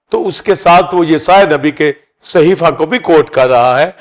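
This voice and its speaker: A pastor preaches a sermon, explaining key words by listing several meanings for each. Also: male voice, fairly high pitch. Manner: teaching, repeats synonyms for each key word.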